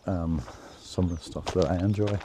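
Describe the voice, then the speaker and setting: A travel vlogger walks through nature filming himself on a handheld camera, talking at a moderate pace. His deep, dark voice keeps a fairly even intonation while he rambles, hesitates, and restarts often. A little hiss or hum is audible.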